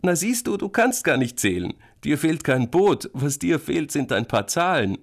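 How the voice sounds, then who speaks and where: A man's voice: mid-range voice, normal speed, creaky, voice pushed up, exaggerated voice. Man putting on a cheeky big sister. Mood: teasing. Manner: lively, teasing. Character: cheeky teasing older sister, strong.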